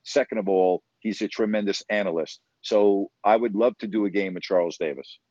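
Brisk and mellow, with a fairly low pitch, a fifty-something New York sportscaster tells stories as an interview guest. He's earnest and emphatic, doubling up words to stress what he means, and the audio is dull and dry with no echo.

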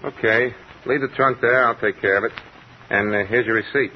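An actor playing a brisk, informal night warehouse clerk in an old radio drama. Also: male voice, mid-range voice, steady tone, close to an everyday voice. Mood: businesslike. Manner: informal, clipped, businesslike. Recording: muffled old radio recording, faint hiss.

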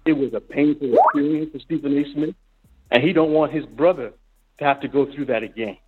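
A man's voice: a little high, brisk, husky. A man calling in to a sports talk show over a phone line, blunt and insistent as he keeps repeating his point. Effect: heard over a phone line. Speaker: radio show caller. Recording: muffled tinny phone line with faint music.

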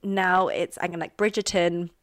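A woman's voice: fairly low pitch, little pitch movement, normal speed, no echo, clean studio sound. A young woman from London with a received pronunciation accent, chatting animatedly as a podcast guest. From England. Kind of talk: casual chat.

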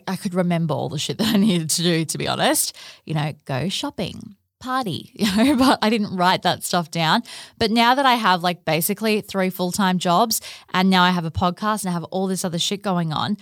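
A woman with an Australian accent talks as the host of a casual solo podcast. Her voice sits a little low, and the recording is very dry with no room sound. She is chatty and informal, with the odd mild swear word. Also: no room sound.

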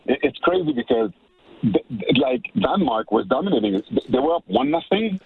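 A man calling in as a guest on sports talk radio, excitable, often repeating himself and starting over. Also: mid-range voice, normal speed, gravelly, slightly rough, no echo. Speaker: radio show guest analyst. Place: in Montreal. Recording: tinny phone line.

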